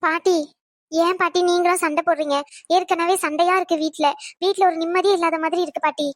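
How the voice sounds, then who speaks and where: A woman's voice: extremely high pitch, steady tone, brisk, no room sound, studio quality. A woman voicing a polite, worried young granddaughter in a cartoon, meek in manner. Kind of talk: cartoon voice acting.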